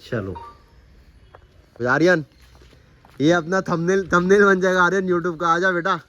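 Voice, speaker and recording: A man's voice: high-pitched, a little slow, bright, forceful tone, dull audio. A man hosting a casual family vlog, chatting and talking to his viewers. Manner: chatty, keeps addressing viewers as guys. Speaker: vlogger host. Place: temples and outdoors on a family outing.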